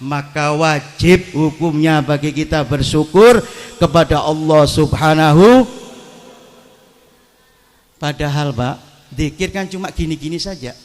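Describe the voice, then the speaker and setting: East javanese preacher guy, high voice, joking sermon, talks to the crowd outdoors on a pa mic. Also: a little slow, long pauses. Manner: storytelling, addresses the crowd. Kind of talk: humorous sermon. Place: outdoor evening gathering. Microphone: PA microphone.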